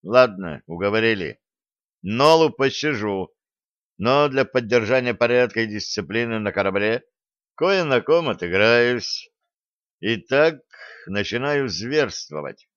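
A man voicing a gruff, sardonic male starship captain who gives bossy orders, in a dull lo-fi audiobook recording. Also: mid-range voice, animated, measured pace, fairly bright tone, dry recording. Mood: stern mocking. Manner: bossy, grumbling.

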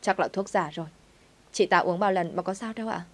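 A woman's voice: medium pitch, a little fast, close to an everyday voice. A woman reading the lines of a scheming, bitter young woman in a told story.

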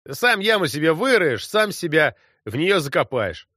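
A rough, hot-tempered Cossack soldier bellows and jeers in a high, strained voice, as a man acts him out. His outbursts are loud and coarse, swinging wildly in pitch. The sound is close and dry. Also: very animated, normal speed, no room sound, exaggerated voice. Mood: raging. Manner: shouting, coarse and mocking.

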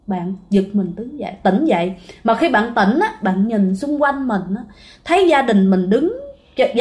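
A woman with a Southern Vietnamese accent telling a ghost story in a chatty way, speaking straight to her listeners. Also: fairly high pitch. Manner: chatty, addresses listeners directly. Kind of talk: casual ghost story narration.

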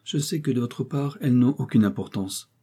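A man's voice: medium pitch, moderate pace, warm tone, voice pushed up, lightly acted. A man playing an unflappable stiff notary. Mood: composed. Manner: imperturbable, formal. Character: calm, stiff provincial notary, middle-aged man. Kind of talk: audiobook character voice.

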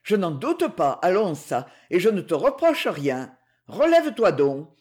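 A man's voice: high voice, very animated, a little slow, a little mellow. A man voicing a stern, commanding male leader who gives firm orders.

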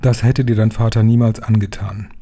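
A man voicing a serious, protective old grandmother who smokes cigars, speaking calmly and earnestly. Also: fairly low pitch, moderate pace, slight background noise, close to an everyday voice.

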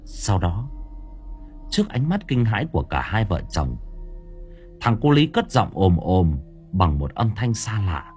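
Lively male audiobook narrator. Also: fairly low pitch, measured pace. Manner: lively storytelling with colloquial humor. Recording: faint music behind.

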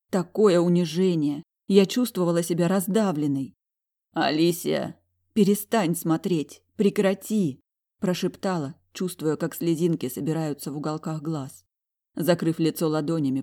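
A woman narrating a first-person audiobook in an emotional, expressive reading. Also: on the low side.

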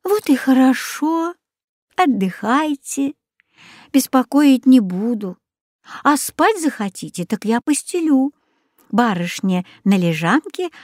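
A woman's voice: high voice, darkish tone, dry recording, studio quality, pitched above the performer's own voice. A woman voicing a kindly, poor, half-blind old village woman who talks in a homely, fussing way.

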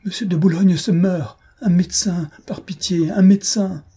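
A man reading an audiobook, voicing a haughty aristocratic woman in a raised, husky, frantic voice. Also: a little slow, darkish tone. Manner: shrill, frantic and disdainful.

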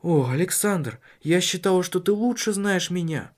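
Storybook wife, read by a man: soft, pleading, wounded. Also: high voice, lively intonation, normal speed, voice pushed up. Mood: hurt, pleading. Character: anxious, pleading young wife, woman.

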